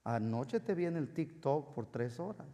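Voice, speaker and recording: A man preaching a sermon as pastor, calling on the congregation to answer and dropping to a soft, confiding voice for stories. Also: medium pitch, lively intonation, measured pace. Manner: calls out to the congregation for responses; drops to a soft confiding voice for anecdotes. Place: church sanctuary. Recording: long hall reverb.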